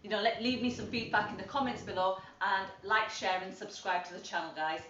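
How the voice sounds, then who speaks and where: A woman's voice: mid-range voice, steady tone, a little fast, bright, forceful tone, a little hiss or hum. A woman hosting a cooking channel, chatting casually and encouragingly as she demonstrates a recipe in her home kitchen. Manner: chatty and encouraging, addresses viewers as guys. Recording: roomy, off-mic, slightly dull sound.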